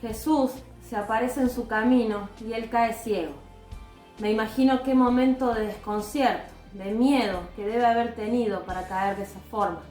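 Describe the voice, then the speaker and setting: A woman with a slightly high voice gives a devotional talk that weaves in a personal testimony. She speaks in a calm, earnest, measured way. The recording is roomy and carries a noticeable echo, with soft music underneath.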